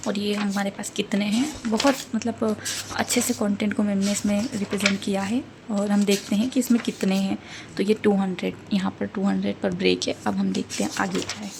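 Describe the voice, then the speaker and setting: Reviewing a book casually, this woman explains in Hindi mixed with English, reads word lists aloud, and keeps asking "theek hai" and "hai na" to check on listeners. She speaks at a medium pitch with vocal fry, over a slight hiss or hum.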